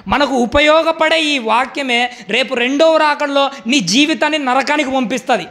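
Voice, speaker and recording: Preacher, male, very high voice, forceful sermon style with rhetorical questions. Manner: emphatic, asks the listeners rhetorical questions.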